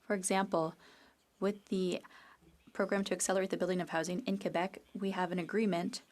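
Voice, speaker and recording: A woman interpreting a parliamentary debate live, in a measured, neutral way with uneven phrasing. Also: mid-range voice, a little mellow. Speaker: simultaneous interpreter.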